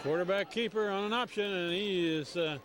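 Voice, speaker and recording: A man doing steady, conversational play-by-play of a high school football game. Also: brisk, crowd noise, background noise. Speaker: play-by-play announcer.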